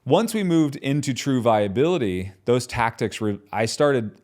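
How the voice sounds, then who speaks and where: A man hosting his own podcast, talking in a passionate, conversational way and often tagging his points with quick questions. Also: mid-range voice, expressive, a little mellow. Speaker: podcast host and business founder. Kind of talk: solo podcast talk.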